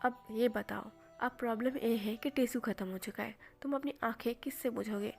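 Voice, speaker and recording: A woman voicing a calm young man who teases and scolds his crying best friend in an offhand way. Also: fairly high pitch, moderate pace, creaky, faint music behind. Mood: dry, teasing. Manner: dry, offhand, teasing.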